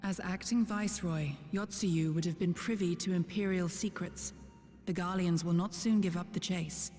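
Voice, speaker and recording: A woman's voice: lowish voice, steady tone, moderate pace, warm tone, close to an everyday voice. An actress playing a serious, composed, dutiful female retainer in a video game. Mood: grave. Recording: long reverb, faint music.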